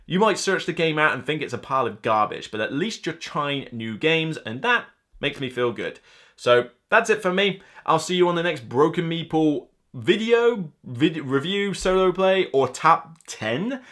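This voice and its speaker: In a small indoor room lined with board game shelves, a man in his thirties reviews board games straight to camera. His voice sits on the high side, very animated, bright, and at normal speed. He's unscripted, chatty, and rambling, with a self-deprecating streak.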